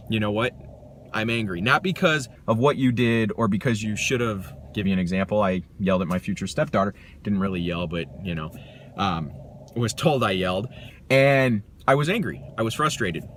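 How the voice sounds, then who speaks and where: A man's voice: fairly low pitch, slight background noise. A man giving an earnest, reflective self-help monologue to camera, rambling a little with restarts. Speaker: vlogger.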